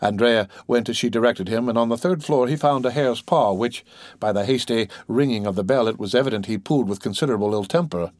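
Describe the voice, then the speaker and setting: A man's voice: mid-range voice, quick pace, darkish tone, dry recording. Man narrating in a dry, close voice. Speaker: audiobook narrator. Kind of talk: scripted narration.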